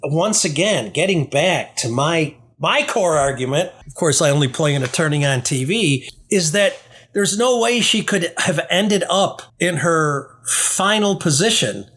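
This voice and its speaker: A male podcast host with a voice pitched a little above average comments on a court case. He argues point by point in a skeptical way, often posing rhetorical questions to knock down claims. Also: lively intonation, a little slow, a bit bright, breathy edge. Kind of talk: true-crime podcast commentary on a trial.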